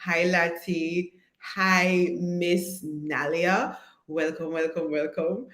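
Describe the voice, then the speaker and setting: A woman, hoarse after an illness, talks casually to viewers on her live stream and greets them by name as she coaches. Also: lowish voice, steady tone, slow pace, a bit bright. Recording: roomy echo.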